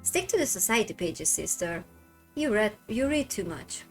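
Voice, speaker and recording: A woman's voice: medium pitch, sing-song, moderate pace, faint music behind. A woman voicing a stern upper-class Victorian woman who scolds her younger sister in a haughty manner.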